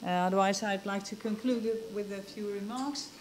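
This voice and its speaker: A woman chairs a conference session, moving the discussion along briskly and teasing the panel lightly. Faint hall noise sits behind her. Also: medium pitch, steady tone. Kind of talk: moderating a panel.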